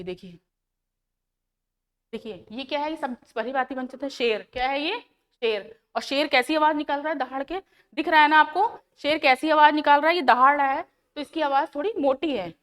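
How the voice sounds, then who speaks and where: High-voiced woman teaching a science lesson. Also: brisk, a bit bright. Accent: Hindi, North Indian. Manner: asks questions then answers them herself, repeating key terms. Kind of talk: classroom lesson explaining to children.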